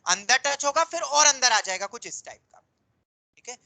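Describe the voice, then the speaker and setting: Bright-voiced maths teacher. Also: male voice, very high voice, animated, moderate pace, gravelly, poor audio. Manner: explains patiently, calls students beta, mixes English terms into Hindi. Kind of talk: classroom lecture. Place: classroom with students, also teaching online.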